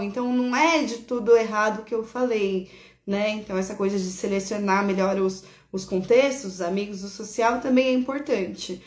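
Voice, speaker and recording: Chatty Brazilian astrologer woman, echoey room. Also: mid-range voice. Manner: chatty, affectionate, laughs often, corrects herself. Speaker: astrologer host. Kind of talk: casual live horoscope chat.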